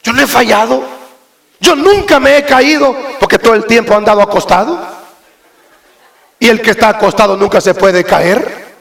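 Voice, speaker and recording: A man preaching a sermon as pastor, impassioned and often mimicking church members before rising to shouts. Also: sits high, moderate pace, creaky, long pauses, roomy sound.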